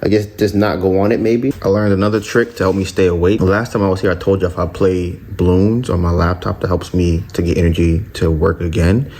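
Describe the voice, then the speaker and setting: A chatty man vlogging about his small business, with a fairly low voice. He talks straight to his viewers over a noisy background with traffic sounds. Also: fairly even intonation, a little fast, few pauses, a little mellow. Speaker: candle business owner vlogger. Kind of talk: casual vlog chat. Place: car and storage unit.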